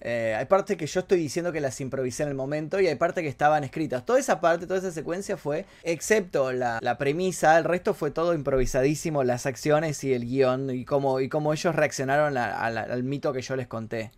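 Excitable young Argentine man commenting. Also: a little high, brisk, hardly any pauses. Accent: Argentine Spanish. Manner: excitable, swears freely, laughs at himself. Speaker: youtuber commenting on his video. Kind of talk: casual commentary.

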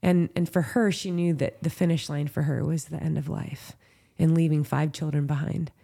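Candid low-voiced woman telling a story. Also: steady tone, normal speed, vocal fry, warm tone. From Southern California. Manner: heartfelt, candid, lots of "like" and "you know". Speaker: professional trail runner, guest. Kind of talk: emotional storytelling in a podcast interview.

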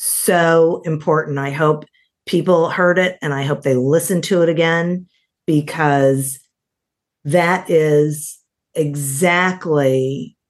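A woman's voice: sits low, fairly even intonation, takes it slowly. A woman hosting a podcast interview, responding to her guest in an affirming way. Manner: warm, affirming. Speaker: podcast host.

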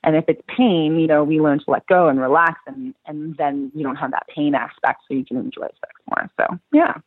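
A woman with a low voice explains exercises in a practical, reassuring way, often pausing on "um" and "you know". Her voice comes through a narrow, tinny phone line. The sound is dry, with no room around it. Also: steady tone, slightly rough, no room sound. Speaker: pelvic floor physiotherapist. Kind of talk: explanatory interview answers.

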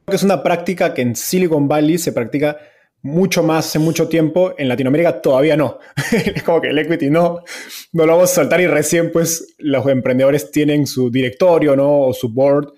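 A man hosting an interview, asking questions in a relaxed, conversational way. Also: fairly high pitch, a little fast. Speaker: podcast host.

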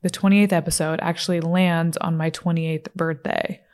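A woman in her late twenties hosts her own solo podcast, seated at a studio mic. She chats candidly and casually, with lots of fillers and the odd swear word. Her voice is low-pitched and darkish, with a steady tone and normal pace.

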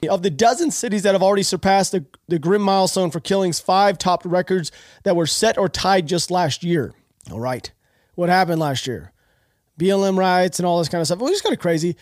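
High-pitched yet a little mellow, this man's animated voice moves briskly as he hosts a podcast. His allergies make him sound nasal and stuffed up while he talks through the news in a rambling, opinionated way, restarting often. It's casual political commentary, recorded dry with studio quality.

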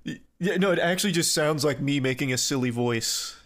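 A man's voice: a little high, fairly quick, a bit bright. A man chatting casually and enthusiastically about films, with some swearing. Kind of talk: casual film chat.

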